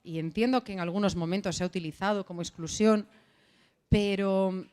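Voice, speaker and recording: A woman's voice: medium pitch, a little fast, a little mellow, smooth. A woman from Galicia speaking as a panelist in a round-table debate, earnest and repeating phrases for emphasis. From Galicia, Spain.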